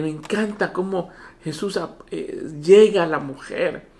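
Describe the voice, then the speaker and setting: A pastor preaching a lively sermon from a home church, with a voice that sits in the middle range. The pastor keeps checking in with the congregation through rhetorical questions. Bible dialogue gets acted out with animation along the way. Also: mid-range voice. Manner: animated, repeats "¿me entienden?" to the congregation. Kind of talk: Spanish-language sermon.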